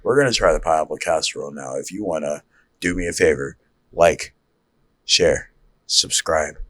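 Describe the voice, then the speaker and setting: A man's voice: very deep voice, normal speed, fairly bright tone. A young man co-hosting a podcast in casual chat, slangy and laid-back, laughing often. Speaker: podcast co-host.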